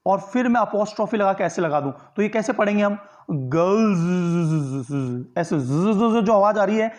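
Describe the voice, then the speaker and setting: A man's voice: high-pitched, quick pace. A man teaching a grammar lesson for exam preparation, explaining step by step and often answering his own questions. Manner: tag questions that seek agreement from listeners. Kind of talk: online exam-prep lecture.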